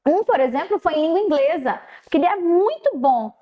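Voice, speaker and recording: A middle-aged woman teacher, her voice sitting high. She tells a classroom story in a casual way and acts out both sides of the dialogue with sudden jumps in pitch. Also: expressive, brisk, lo-fi sound.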